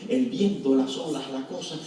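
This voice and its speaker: A pastor with a mid-range voice preaches a sermon at normal speed, calling out to the congregation and acting out frightened shrieks in quoted voices. The hall is very echoey, the mic sits at a distance, and a crowd is audible behind him.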